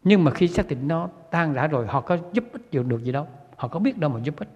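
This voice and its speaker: Male preacher, husky, earnest and repetitive, asks the crowd questions; muffled recording. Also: fairly high pitch, expressive, fast talker, a little mellow. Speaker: Buddhist lay teacher. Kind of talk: sermon. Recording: dull lo-fi recording with long hall reverb.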